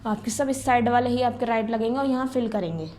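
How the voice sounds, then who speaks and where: A woman's voice: a little high, fast, a little mellow, slight background noise. A woman teacher going through a school lesson step by step, asking the class questions and answering them herself. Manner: patient, explains step by step and asks the class questions.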